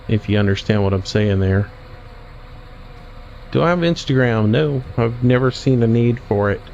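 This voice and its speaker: A man streaming a game and casually answering chat questions in a relaxed, drawling way. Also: mid-range voice, normal speed, gravelly. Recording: dull lo-fi stream audio with faint vehicle noise.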